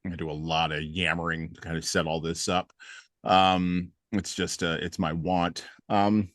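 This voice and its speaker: A man hosts a podcast interview in a very deep voice. He rambles casually, full of ums and restarts. The sound is dry and close. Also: little pitch movement, unhurried, a bit bright, no room sound. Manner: rambling, with many fillers and restarts. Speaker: podcast host.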